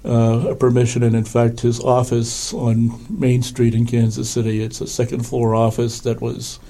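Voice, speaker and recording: Gravelly, throaty man with a head cold. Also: medium pitch, fairly even intonation, normal speed, warm tone. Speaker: museum curator, interview guest. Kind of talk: casual podcast interview.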